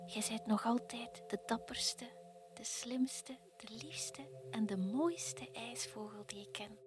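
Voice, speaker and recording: Brief: whispered role-play, a woman playing a gentle lost kingfisher love, soft music under it. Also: fairly high pitch, fairly even intonation, slow. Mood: tender. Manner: tender, soft, consoling. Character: departed female kingfisher, gentle and loving.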